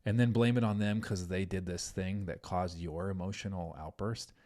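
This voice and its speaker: A middle-aged man hosting a parenting podcast, telling a story in an earnest, animated way and saying "like" often. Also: low-pitched, moderate pace. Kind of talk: casual podcast conversation.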